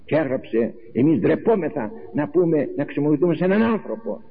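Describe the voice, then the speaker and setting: A man's voice: fairly high pitch, big pitch swings, gravelly, husky. A man preaching an Orthodox-style sermon, passionate, full of rhetorical questions and acted-out quotes. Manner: impassioned, rhetorical questions, acts out quoted voices. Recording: tinny lo-fi recording with faint hiss.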